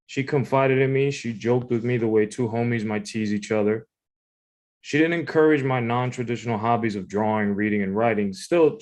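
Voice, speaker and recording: A man's voice: medium pitch, darkish tone. A man reading his own personal essay aloud in a conversational, informal way. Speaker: writer reading own submission.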